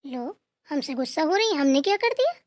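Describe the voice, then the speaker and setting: A woman's voice: high-pitched, sing-song, brisk, no room sound. A woman voicing another woman of the house in a cartoon who asks what the quarrel is about. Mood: puzzled. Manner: puzzled, questioning.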